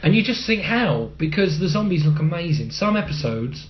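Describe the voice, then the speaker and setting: A man's voice: on the high side, very animated, moderate pace, muffled recording. A man co-hosting a podcast, talking bluntly and swearing freely, recorded with poor sound quality on a phone. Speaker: podcast co-host. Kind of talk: casual banter.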